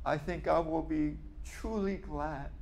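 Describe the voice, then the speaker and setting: A man's voice: on the high side, a little slow, a little mellow, a little hiss or hum. A middle-aged man preaching a sermon in a conversational, storytelling way, often trailing off to a near-murmur at the ends of phrases. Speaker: pastor.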